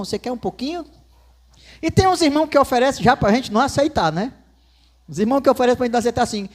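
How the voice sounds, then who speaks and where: A Northeastern Brazilian man preaching a sermon in church, his voice sitting high. He tells stories with folksy asides, and his pitch leaps around with animated energy. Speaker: pastor.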